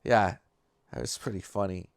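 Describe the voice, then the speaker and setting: A man's voice: low voice, steady tone, moderate pace, no room sound. A man with a New York accent talking in a loose, rambling commentary style, full of fillers and restarts. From New York area. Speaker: commentary vlogger.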